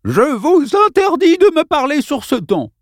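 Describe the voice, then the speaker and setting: Une vieille institutrice autoritaire et pincée, jouée par un homme dans un livre audio, à la voix haut perchée et très modulée. Le son est sec. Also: male voice, very high-pitched, huge pitch swings, moderate pace, no room sound, clean studio sound, voice pushed up, full character voice. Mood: outrée. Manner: sec, indigné.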